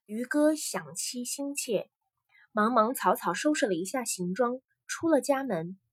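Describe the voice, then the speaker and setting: Lady reading an old folk story, kinda husky and a bit high, dry close sound. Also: lively intonation, a little slow, no room sound. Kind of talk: folktale narration.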